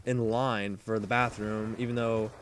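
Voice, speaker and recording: A man's voice: fairly low pitch, level tone, a little slow. A man telling a rambling, profane story as casual gameplay commentary, with lots of fillers and restarts. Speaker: gaming commentator. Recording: noisy commentary recording.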